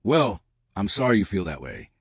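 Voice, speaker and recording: Man doing a gentle but condescending mom, breezy, fairly low voice. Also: huge pitch swings, moderate pace, creaky, slightly rough, no echo, heavily acted. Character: breezy condescending middle-aged mother.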